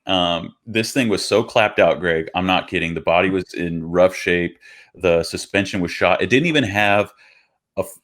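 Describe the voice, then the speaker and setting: A man's voice: deep voice, normal speed, fairly bright tone. A man, co-host of a podcast, telling a casual, rambling story over a video call, with many fillers and restarts.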